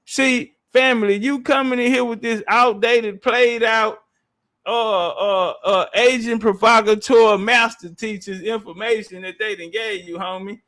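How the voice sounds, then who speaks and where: A man's voice: high voice, fairly even intonation, unhurried, fairly bright tone. A man hosting a live debate stream, confrontational and taunting in slangy speech, repeating phrases for emphasis. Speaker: live-stream panel host.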